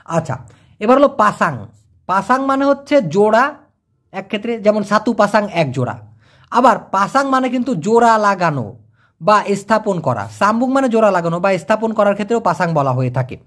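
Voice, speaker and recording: A man teaching vocabulary in a casual lesson, explaining each word with everyday examples and repeating pronunciations slowly. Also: high voice, very animated, a bit bright. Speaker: language teacher.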